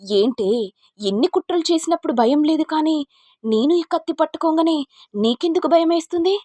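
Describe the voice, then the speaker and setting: A vengeful middle-aged mother-in-law, raised and loud, as a woman reading a story puts her on. She hurls accusations in a husky, mellow voice, set dry and close. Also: a little high, moderate pace, no room sound, close to an everyday voice. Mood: furious. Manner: shouting accusations.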